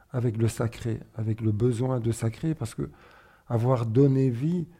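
Dark-voiced man from northern Spain. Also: mid-range voice. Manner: reflective, halting with fillers and restarts. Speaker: guest. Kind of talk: personal testimony interview.

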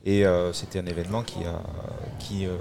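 A man's voice: low voice, little pitch movement, brisk, background noise. A man, the radio station's president, speaking hesitantly on location at a community hall. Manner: hesitant, restarting.

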